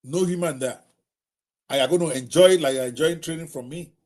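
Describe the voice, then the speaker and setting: Emphatic Nigerian man, fairly high voice. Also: fairly quick, darkish tone. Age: middle-aged. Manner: emphatic, repetitive, direct address to viewers. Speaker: host. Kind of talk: live talk on technology.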